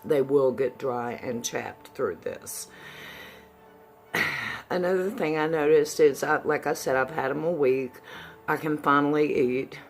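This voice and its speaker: A woman's voice: deep voice, measured pace, soft background music. A woman giving a casual, candid, folksy update to viewers, her s sounds whistling through new dentures. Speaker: vlogger.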